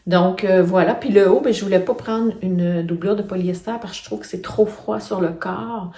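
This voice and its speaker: Her voice is warm and mid-range, with fairly even intonation and a moderate pace: a middle-aged woman with a Quebec French accent walking viewers through her sewing projects, chatty and full of fillers. The knitting and sewing vlogger records this casual show-and-tell at home on a phone camera set back from her, and the echoey room leaves her sounding roomy and a bit distant.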